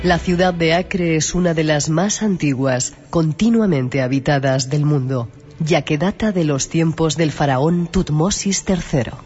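A man giving measured, scripted documentary narration. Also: a little high. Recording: dull sound with music bed.

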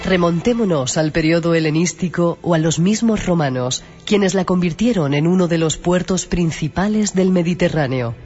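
A man giving measured, scripted documentary narration. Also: a little high, darkish tone. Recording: dull sound with music bed.

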